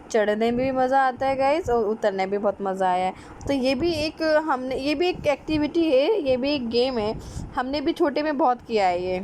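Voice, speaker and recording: Chatty mom vlogging at a park. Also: female voice, a little high, a little mellow, slight background noise, poor audio. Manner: chatty, talks straight to viewers. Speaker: mother filming her kids' park outing. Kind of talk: casual vlog narration. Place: outdoor park.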